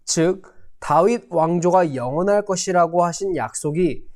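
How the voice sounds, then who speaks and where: A man, a pastor, teaching a Sunday school Bible lesson, reading scripture slowly and telling stories with big swings in pitch and loudness. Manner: slow, deliberate scripture reading.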